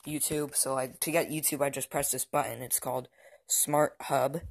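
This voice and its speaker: A teenage or barely adult guy, an amateur vlogger, does a casual unscripted show-and-tell at home beside the TV, rambling hesitantly and often trailing off. His mid-range voice is gravelly and steady, moving at a moderate pace. There's slight background noise.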